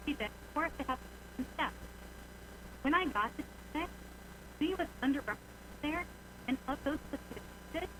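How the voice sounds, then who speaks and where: A woman giving an earnest public comment over a remote call connection whose audio keeps breaking up and dropping words. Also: high-pitched. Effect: choppy breaking-up call audio that stutters and drops words. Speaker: citizen speaker at a public meeting. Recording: noisy, glitchy remote call line.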